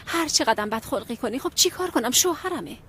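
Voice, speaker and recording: Dubbed drama: weary young wife, high and husky. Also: female voice, animated, a bit bright, full character voice. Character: young married woman, resigned and tired.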